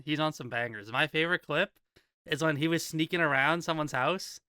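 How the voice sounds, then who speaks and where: A man's voice: a little high, a little fast, pushed and bright, clean tone, no echo, studio quality. A young man hosting a casual podcast with friends, upbeat with hype intros, talking over a call mic. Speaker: podcast host.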